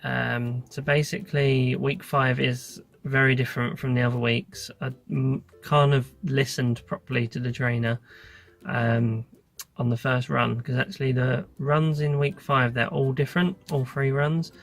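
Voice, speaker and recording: British man, creaky, even-toned vlogger. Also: mid-range voice, a little slow. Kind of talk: casual vlog talk to camera. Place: inside a parked car. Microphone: phone at arm's length.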